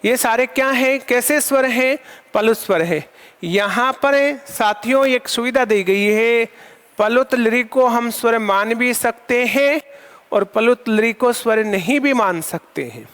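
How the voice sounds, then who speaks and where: Man teaching sanskrit, asks and answers his own questions, slow and deliberate, long hall echo. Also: very high voice, fairly bright tone. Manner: asks questions and answers them himself, repeating key terms. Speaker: school lecturer teaching Sanskrit. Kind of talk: classroom lecture.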